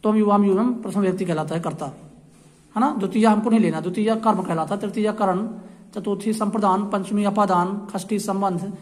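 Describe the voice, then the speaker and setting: A woman's voice: medium pitch, brisk, a little mellow. A woman teaching a grammar lesson, explaining patiently and asking questions that she answers herself. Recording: echoey room with long reverb.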